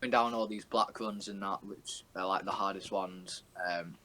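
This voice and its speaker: Bantering young man, low voice. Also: fairly even intonation, moderate pace, pushed and bright, poor audio. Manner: bantering, sweary, explains at length. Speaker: podcast co-host. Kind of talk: casual chat.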